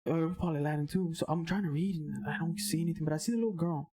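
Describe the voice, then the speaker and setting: A man, a podcast guest, telling a story in casual chat. He is animated, swears a lot and mixes in Spanish slang. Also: on the high side, fast talker, music in the background.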